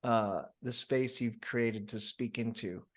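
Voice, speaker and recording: A man speaks as an interview guest, earnest and open. He often stumbles over the start of a thought and repeats his first words before going on. His pitch sits in the middle of the usual range for a man. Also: takes it slowly, fairly bright tone. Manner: earnest, with frequent stammered restarts. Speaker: coach and guest. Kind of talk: conversational interview.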